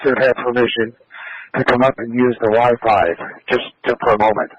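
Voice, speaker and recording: Male radio coordinator, mid pitch, static bursts on a muffled dispatch channel, repeats himself plainly. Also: level tone, moderate pace, dry recording. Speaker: search traffic coordinator on radio. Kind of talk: two-way radio dispatch talk. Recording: dull, dry two-way radio audio.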